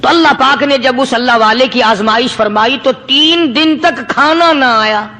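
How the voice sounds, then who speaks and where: A man's voice: extremely high pitch, sharp tone. A man preaching a sermon, telling a story with emphatic repetition. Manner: storytelling, emphatic repetition, chanted Arabic verses.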